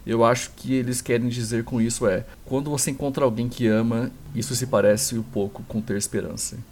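A man with a Brazilian accent reading a priest's wedding speech aloud, slow and solemn. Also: medium pitch, fairly even intonation, a little mellow, slight background noise, pitched below the performer's own voice, natural voice. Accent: Brazilian Portuguese. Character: earnest male priest giving a wedding speech.

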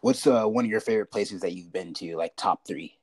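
A man's voice: sits low, brisk, a little mellow, a little hiss or hum. Laid-back podcast host man. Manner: laid-back, slangy, with many fillers. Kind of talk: casual interview.

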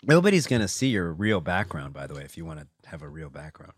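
A man's voice: deep voice, sing-song, fast talker, breathy edge, no room sound. A man hosting a casual video call chat, talking in a thoughtful, hedging way with many fillers.

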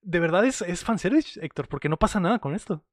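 A man's voice: high-pitched, animated, fast talker, no room sound, clean studio sound. A man with a Mexican accent casually recapping a movie plot, rambling along and peppering it with slang. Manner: rambling storyteller, fills lines with slang.

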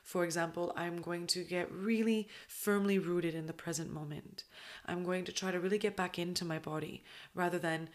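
A woman's voice: on the low side, fairly even intonation, moderate pace. A woman hosting a podcast, explaining in a casual, rambling way with many fillers and restarts. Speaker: podcast host.

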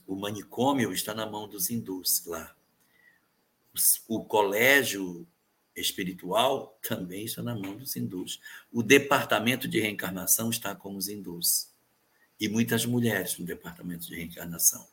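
A man answering viewer questions in a calm, measured explanatory talk, repeating key phrases for emphasis. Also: on the low side. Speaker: spiritist guest answering questions.

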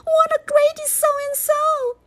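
A woman voicing a tiny, tearful baby bear cub in a storybook reading, squeaking and whimpering. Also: flat delivery, slow. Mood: crying.

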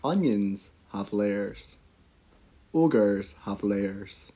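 A man's voice: on the low side, lively intonation, very slow, dark tone, husky, heavily acted. A Scottish man doing a playful impression of a grumpy male ogre. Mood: gruff.

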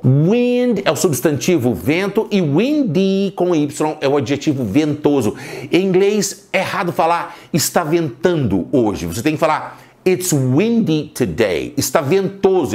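A man teaching an English lesson in Portuguese, slowly repeating English sentences for learners. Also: a little high, a little mellow. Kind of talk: bilingual language lesson.

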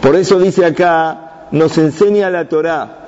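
A man's voice: on the high side, measured pace, a little mellow. A man teaching a Torah lesson to young students, asking the class questions and answering them himself. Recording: dull sound with long reverb.

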